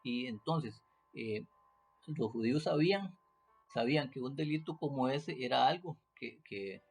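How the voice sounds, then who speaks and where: Gravelly-voiced preacher with soft music. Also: male voice, mid-range voice, lively intonation, measured pace. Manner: hesitant, many fillers and restarts, rhetorical questions. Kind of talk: unscripted Bible teaching.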